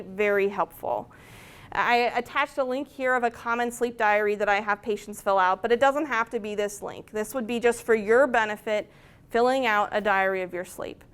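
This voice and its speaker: A woman giving an informal educational talk as a sleep clinician, explaining things conversationally with everyday anecdotes and imagined dialogue. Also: on the high side.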